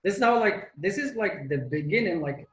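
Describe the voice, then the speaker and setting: This guest artist, a Moroccan man whose first language isn't English and who speaks French as a second language, rambles through a casual interview full of fillers and restarts. His high-pitched voice is animated and brisk, and the echoey recording carries a slight hiss or hum.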